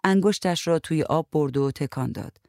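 A woman reading a short story aloud in a calm, even narrating voice. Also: low-pitched, no echo, studio quality.

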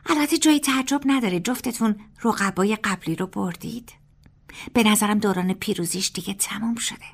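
Woman voicing a gossipy young student girl, hushed half-whisper, teasing, mid-height voice. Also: medium pitch, creaky. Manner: teasing, knowing. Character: young female student, gossipy and sharp-tongued. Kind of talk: audiobook character voice.

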